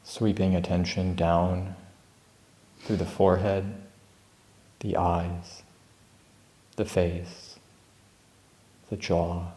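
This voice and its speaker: A slow, low-voiced man guides an unscripted meditation as a teacher at a Buddhist monastery, speaking from an indoor room. His instruction is calm and gentle with long pauses, captured on a rough recording in an echoey space.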